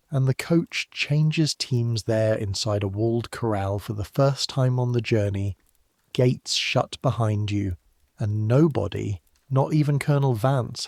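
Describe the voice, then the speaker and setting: A man calmly narrating a scripted history story for sleep, addressing the listener in measured second person. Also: lowish voice, vocal fry, dry recording, studio quality.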